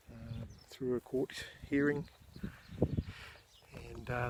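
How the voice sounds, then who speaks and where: Man, Māori New Zealand accent, middle-aged, casual vlog talk, hesitant, medium pitch, noisy rural outdoor recording. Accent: New Zealand Māori English. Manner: unhurried, hesitant, switches between English and te reo Māori. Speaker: vlogger showing family land. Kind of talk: casual walk-around vlog. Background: clear outdoor noise, birds.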